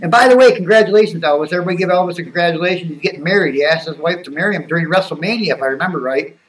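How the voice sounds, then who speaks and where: A man's voice: on the high side, rapid-fire, distant mic. A man hosting a live stream in a loose, joking, chatty way. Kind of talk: casual live-stream chat.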